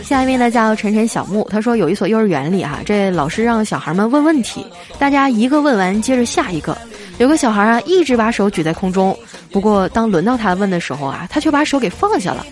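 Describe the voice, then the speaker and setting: A woman hosting a radio-style show, reading listener jokes aloud with playful storytelling and drawn-out particles. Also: medium pitch, sing-song.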